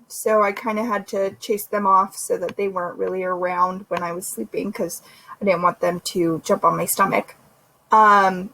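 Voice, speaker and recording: A young woman talks casually to her camera, filling her sentences with "um" and restarting them often. She sounds sore and a touch out of breath as she chats, her voice sitting at an ordinary middle pitch. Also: fairly bright tone, rough recording. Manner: chatty, many fillers and restarts. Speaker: vlogger. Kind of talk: casual recovery vlog chat.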